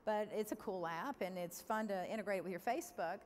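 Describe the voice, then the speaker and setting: Middle-aged woman, keynote speaker, candid and lively, echoing big hall, faint room noise. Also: medium pitch, brisk. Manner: lively, candid, addresses the audience directly. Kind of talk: conference keynote speech. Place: large conference hall.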